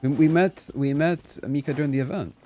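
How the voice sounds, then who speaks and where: On the high side and fairly quick, with a warm tone, this man's voice carries over game music as he streams. He chats playfully and casually with his viewers, often breaking into exclamations.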